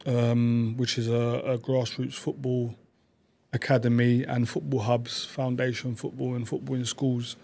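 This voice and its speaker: A man, a podcast guest telling stories about his past in quick, animated bursts. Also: medium pitch. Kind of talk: reflective conversational storytelling.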